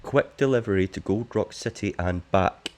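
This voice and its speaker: Man doing a shady smuggler boss, low voice, plain unhurried read. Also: a little mellow, lightly acted. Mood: shady offer. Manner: plain, unhurried reading of game text. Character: shady smuggler gang boss giving a secret job.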